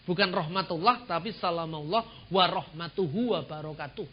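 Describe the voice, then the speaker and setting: A man giving a public talk on religion, telling stories and quoting others in little voices, with loud bursts and soft trailing endings. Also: a little high, normal speed, highs cut off. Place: hall with an audience.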